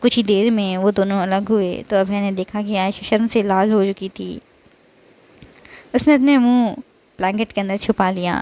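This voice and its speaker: A woman narrating a romance audiobook with an expressive reading. She often restarts and corrects her phrases as she goes. Her voice sits at a typical middle pitch for a woman. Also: moderate pace.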